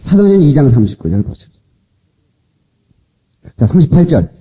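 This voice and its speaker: A Korean man preaching a revival sermon as pastor, animated, coaxing and scolding his congregation, heard from an old cassette tape transfer. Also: fairly high pitch, normal speed, husky, dull audio. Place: church sanctuary.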